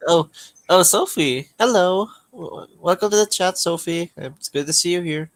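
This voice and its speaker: A woman's voice: lowish voice, normal speed. A woman co-hosting a casual live stream, laughing a lot, saying "like" often and repeating her words.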